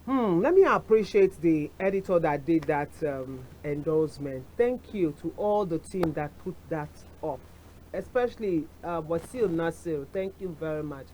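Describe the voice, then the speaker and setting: A middle-aged Nigerian-accented woman hosts a TV talk show, chatting casually to camera with asides and bits of Yoruba. Her voice is deep, animated and a little mellow, at a normal speed. The recording is low quality with slight background noise.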